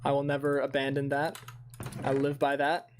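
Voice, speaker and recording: A man's voice: medium pitch, completely flat delivery, normal speed, a little hiss or hum. A young man streaming a game, talking in a rambling, profane and self-mocking way to his viewers. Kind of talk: casual livestream gaming chat.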